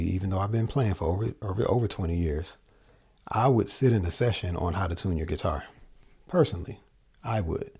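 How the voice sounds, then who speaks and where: A man in his forties gives a casual guitar lesson from a small home studio, speaking in a deep, mellow, slightly rough voice. His explanations ramble loosely and often correct themselves midway. He speaks into a large dynamic mic mounted on a boom arm.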